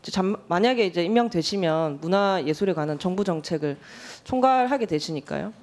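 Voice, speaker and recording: A woman in her thirties, a lawmaker, questioning a nominee in a formal hearing room in a measured, pointed and direct way. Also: lowish voice, animated, a little mellow. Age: 30s.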